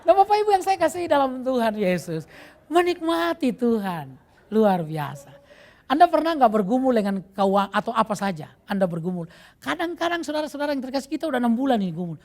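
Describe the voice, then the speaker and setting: A male pastor preaching an animated sermon in a church, breaking into bursts of shouting. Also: extremely high pitch, fairly quick.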